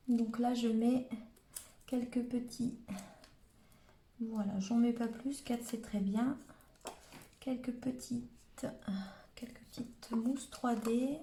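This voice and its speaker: A woman's voice: on the high side, steady tone, takes it slowly, long pauses, dark tone, slight background noise. A woman with a Hauts-de-France accent, chatting her way through a live crafting demonstration and narrating each step as she works. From Hauts-de-France, northern France. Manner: chatty, narrates her hands-on steps with frequent "hop" and "voilà". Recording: roomy echo.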